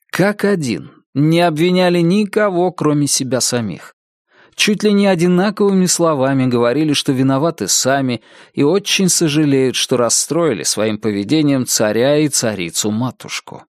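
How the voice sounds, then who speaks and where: A man reading a first-person novel aloud as an audiobook narrator, in a measured storytelling manner. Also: a little high, dry recording, studio quality.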